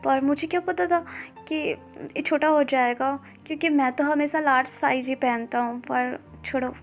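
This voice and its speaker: A woman voicing an excitable, cheerful young man who gushes and teases his friends. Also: very high-pitched, moderate pace, soft background music. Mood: excited.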